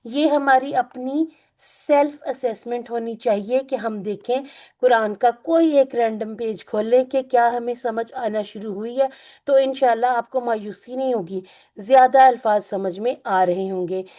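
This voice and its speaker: A woman teacher leading an online Quran and Arabic class, explaining gently and repeating points. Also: fairly high pitch, a little slow. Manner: gentle, repetitive teaching with religious phrases. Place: online video call.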